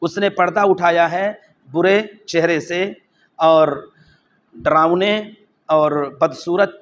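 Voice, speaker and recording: A man teaching a lesson on an Arabic text, reading phrases slowly and then repeating them in explanation. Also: on the high side, steady tone, a bit bright, highs cut off.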